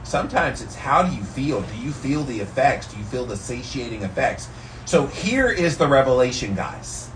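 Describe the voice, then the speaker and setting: A man's voice: mid-range voice, big pitch swings, normal speed. A man sitting in ice cold water, explaining things casually to his followers like a health vlogger. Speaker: vlogger sharing health tips. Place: in an ice bath, ambient noise behind. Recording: distant mic, background noise.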